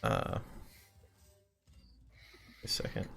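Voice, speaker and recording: A man's voice: drawn-out words, bright, forceful tone, faint music behind. A man narrating a tabletop game as game master on a live stream, casual, swearing and using filler words.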